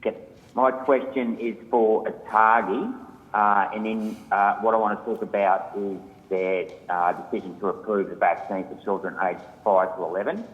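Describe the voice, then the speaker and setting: A man, a senator, putting formal questions to a hearing while speaking away from his phone, so he sounds distant and halting. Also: fairly low pitch, steady tone. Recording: muffled phone line with long reverb.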